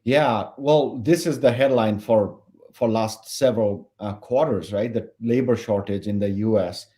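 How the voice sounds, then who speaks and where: Podcast guest: man, 40s, from Bangladesh, low and mellow, measured with fillers. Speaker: company founder and CEO, guest. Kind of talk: podcast interview.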